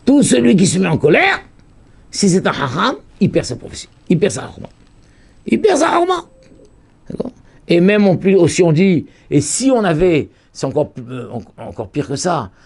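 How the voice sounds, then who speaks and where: A man, a rabbi, giving a Torah lesson, who stresses points by repeating them and swings from loud calls down to near whispers. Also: sits high, creaky, slightly rough.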